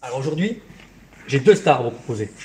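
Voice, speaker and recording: A man giving a live infomercial sales pitch as a car dealership presenter, with emphatic hard-sell patter that repeats key figures. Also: sing-song, brisk, mellow. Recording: clear background noise on location.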